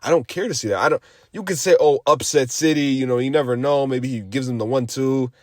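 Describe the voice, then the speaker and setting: A young man talking through a fight recap in a loose, rambling way, swearing often and piling on fillers. His voice sits at an ordinary middle pitch. The close, dry sound has almost no room echo. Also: fast. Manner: rambling, profane, animated with frequent fillers. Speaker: MMA commentator.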